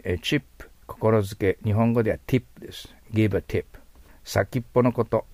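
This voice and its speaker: Male English teacher, low gravelly voice, patient explainer who repeats words and slows for examples, dry close sound. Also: darkish tone, dry recording. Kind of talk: vocabulary and pronunciation lesson.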